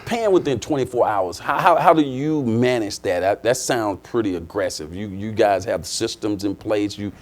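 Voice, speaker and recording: A man's voice: lowish voice, animated, moderate pace, hardly any pauses. A man hosting an interview in an informal, playful way, prompting his guest with questions. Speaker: talk show host. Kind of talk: conversational interviewing.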